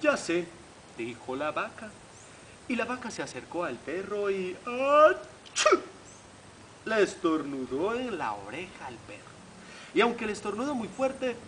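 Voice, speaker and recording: Animated man reading a children's story. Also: sits high. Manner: animated, talks to young listeners, imitates animal sounds. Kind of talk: reading a children's picture book aloud. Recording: noisy home video recording.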